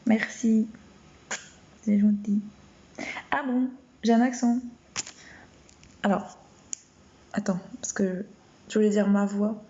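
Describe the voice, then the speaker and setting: A woman with a gentle, warm voice chats on a late-night live stream from home, speaking in an even tone that barely rises or falls. She talks hesitantly, with many fillers and restarts. The phone recording sounds a little dull and muffled. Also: mid-range voice, slow, pauses often. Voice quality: soft, warm voice. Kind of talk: casual live-stream chat and Bible reading.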